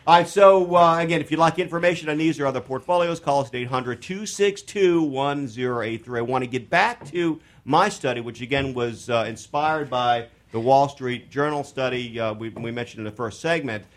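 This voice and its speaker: A man hosts a radio show about investing, at an even middle pitch. He talks haltingly, with plenty of fillers and restarts between the figures he explains, and breaks into the odd joke.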